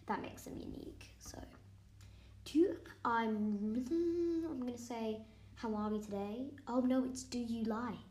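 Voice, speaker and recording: A woman's voice: on the high side, warm tone. A young woman student chatting casually in a vlog, thinking aloud as she quizzes herself and sometimes dropping into a whisper. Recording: echoey room.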